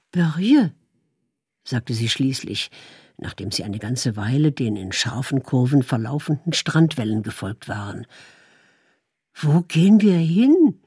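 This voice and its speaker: A woman reading a story aloud in calm, measured narration. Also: extremely low pitch, husky, no echo, studio quality. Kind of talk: audiobook narration.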